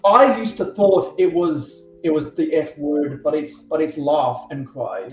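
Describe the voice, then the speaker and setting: A man's voice: a little high, measured pace. A man co-hosting a casual livestream chat, stammering through restarts. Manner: stammering restarts, breaks into sung theme songs. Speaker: co-host. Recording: distant echoey lo-fi mic with music.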